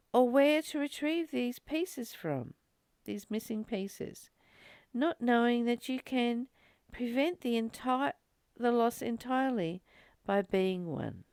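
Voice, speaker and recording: On the high side yet gravelly and smooth, a woman's voice carries a spiritual study session with no echo behind it. Conversational and reflective, she speaks expressively and underscores her points by repeating them.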